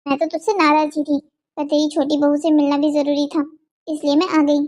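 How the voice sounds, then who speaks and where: A woman's voice: high voice, flat delivery, fairly quick, a little mellow, lightly acted. A woman voicing a teasing, reproachful older woman who is visiting a friend, in a cartoon.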